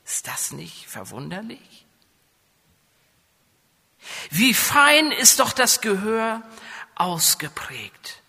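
A man's voice: on the high side, creaky, pushed and bright, breathy edge. A man from northern Germany with a coastal accent, preaching a sermon. He often asks the congregation questions and builds up to raised, emphatic passages. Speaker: pastor. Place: church. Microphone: microphone. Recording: hall reverb.

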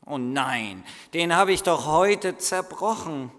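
A tearful, stammering little boy, eager and pleading, as a male preacher puts him on, in a high, loud voice. The words come slowly, and a long hall reverb trails each line. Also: exaggerated voice. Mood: distressed. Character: frightened nine-year-old boy, tearful and eager.

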